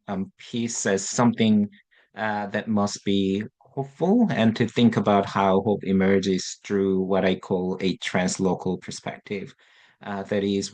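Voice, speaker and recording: A man from South Korea giving a thoughtful prepared talk on a video call, with some fillers. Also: on the low side. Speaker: guest speaker.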